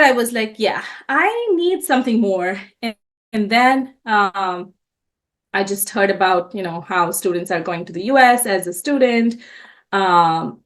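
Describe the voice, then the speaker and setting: Her voice is medium-pitched and fairly bright as this Indian-born entrepreneur in her thirties recounts her life in an interview. She comes across as earnest, often breaking off to restart or correct her sentences.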